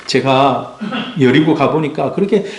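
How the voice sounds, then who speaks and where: A man's voice: medium pitch, measured pace. A man preaching a sermon as a pastor, emphatic and full of rhetorical questions to his congregation. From South Korea. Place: church sanctuary. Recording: echoey church hall.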